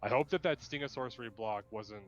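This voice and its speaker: A young man doing chatty, excitable commentary on a card game match, laughing often. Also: mid-range voice, fairly quick, dull audio.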